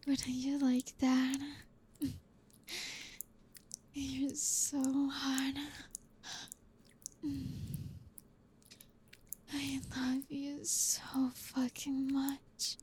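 A woman in a whispered intimate audio roleplay, speaking as a girlfriend in a soft whisper broken by frequent giggles. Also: high voice, completely flat delivery, extremely slow, long pauses, slight background noise.

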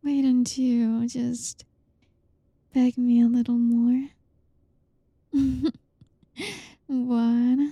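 A young woman in an intimate whispered roleplay, softly teasing and coaxing with a breathy voice, close to the mic. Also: high-pitched, no room sound. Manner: teasing, coaxing, soft-spoken. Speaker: audio roleplay performer.

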